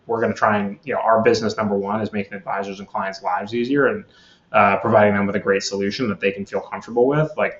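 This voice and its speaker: A man being interviewed as a guest on a podcast, explaining in a measured way with lots of fillers and restarts. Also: fairly low pitch, reverberant, highs cut off. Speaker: guest, platform executive.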